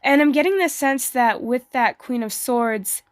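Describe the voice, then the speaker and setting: Sick woman reading tarot, higher-pitched voice. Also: expressive, a little slow, no room sound. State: sick, as with flu, voice may give out. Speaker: tarot card reader. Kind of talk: casual tarot reading to online viewers.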